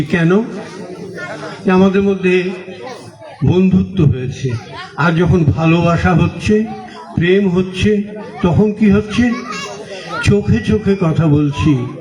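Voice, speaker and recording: A man with a Bengali accent giving a sermon as a monk, asking the audience questions and answering them himself, telling stories with gentle humor. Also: on the high side. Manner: unhurried storytelling with gentle humor. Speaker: monk giving a religious talk. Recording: echoey, dull lo-fi recording.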